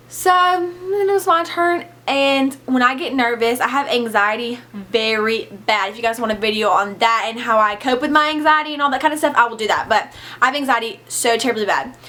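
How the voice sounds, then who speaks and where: Young girl vlogging a storytime, chatty and candid, bright high voice. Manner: chatty and candid, swears casually, animated retellings. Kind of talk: casual storytime vlog.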